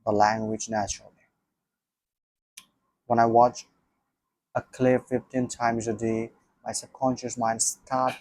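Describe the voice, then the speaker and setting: In a rough recording with no room sound, a man speaks with a medium-pitched, somewhat mellow voice. He isn't a native English speaker and muses aloud to a camera about learning the language, often starting over and repeating phrases.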